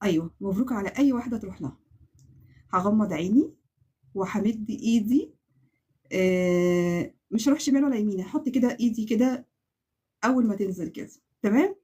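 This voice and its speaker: A woman with an Egyptian Arabic accent hosting a crochet giveaway live stream, excitable and laughing often, repeating oaths as she chats. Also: mid-range voice, brisk, husky. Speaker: crochet channel host.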